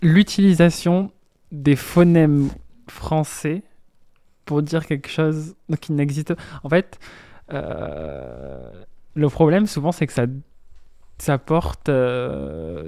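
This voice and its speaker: A young man, a researcher and teacher, patiently explaining in a relaxed chat and imitating English pronunciation. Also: on the high side, clear, resonant tone, no echo, studio quality. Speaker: guest, doctoral researcher and teacher. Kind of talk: casual podcast chat.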